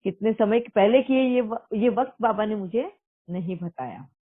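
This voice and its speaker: A woman's voice: medium pitch, normal speed. A woman speaking earnestly as a spiritual speaker, recounting a personal testimony and mixing English words into Hindi. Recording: tinny phone-like audio.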